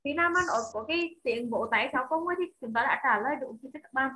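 A woman's voice: high-pitched, expressive, fast talker, noisy background. A woman with a Vietnamese accent teaching English in an online class over a video call, calling on students by name, repeating their answers and switching between English and Vietnamese.

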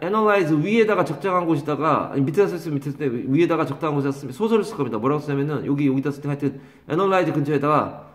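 A man teaching English vocabulary to a class, drawing out pronunciations slowly and teasing and scolding his students. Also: fairly high pitch. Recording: echoey classroom.

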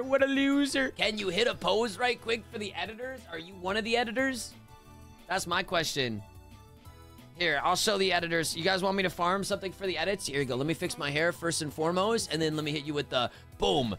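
A man with a high, gravelly voice chats live over a match, excitable and quick to joke and swear. Game music plays clearly under his voice. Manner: excitable, joking, swears often. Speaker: streamer. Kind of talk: casual live-stream gameplay chat.

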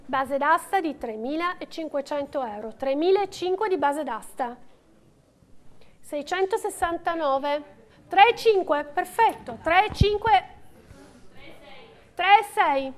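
A woman runs an auction in a strikingly high voice. She calls prices and bidder names at a slow pace, in short, repetitive chanted phrases. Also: lively intonation.

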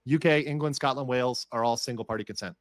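A man's voice: mid-range voice, quick pace, dry recording, clean studio sound. A middle-aged man giving casual explanatory commentary, often checking in with a questioning tag. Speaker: lawyer commentator.

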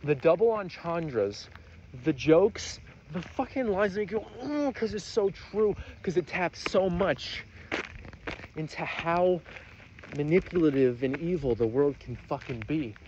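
A male vlogger with a slightly high voice speaks a little slowly while walking outdoors along roads, delivering a rambling, profane, self-mocking monologue. The audio has its highs cut off and background noise.

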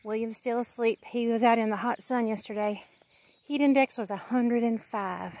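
A woman's voice: a little high, steady tone, moderate pace, darkish tone. A woman in her fifties walks outdoors through a blackberry patch and films a homey, chatty vlog with fillers and easy laughs. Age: 50s. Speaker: vlogger.

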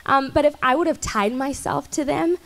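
A young woman in her twenties speaking on a church stage panel, chatty and earnest with many ums and soft laughs, into a handheld mic. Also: high voice, moderate pace, creaky. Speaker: panel guest.

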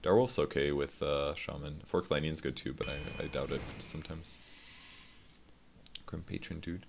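Deep gravelly male streamer. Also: steady tone, normal speed, background noise. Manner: self-deprecating, swears casually. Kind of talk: casual gameplay commentary.

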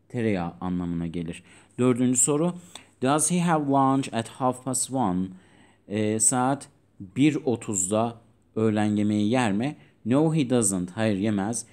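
A man teaching an English lesson on video, with a dark, mellow tone. He reads English sentences slowly in a British-style pronunciation and patiently explains each one to young pupils. His delivery stays steady and explanatory. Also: lowish voice.

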